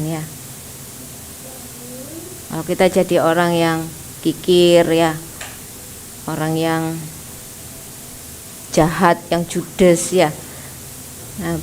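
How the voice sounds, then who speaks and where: Woman preacher, unhurried gentle sermon delivery, frequent "ya" tags, faint background hiss. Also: on the low side, poor audio. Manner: slow, gentle, tags nearly every phrase with "ya". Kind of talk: sermon at a prayer service. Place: church.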